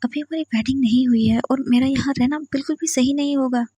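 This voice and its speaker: A woman's voice: high-pitched, fairly quick, warm tone, breathy edge, no room sound, pitched above the performer's own voice. A woman voicing a patient young man who pleads and soothes his angry partner. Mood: pleading.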